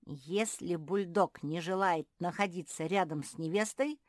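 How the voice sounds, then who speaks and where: A woman's voice: on the low side, unhurried, no room sound, clean studio sound, natural voice. A woman voicing a bossy female pug in a children's audiobook, giving orders. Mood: commanding. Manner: commanding.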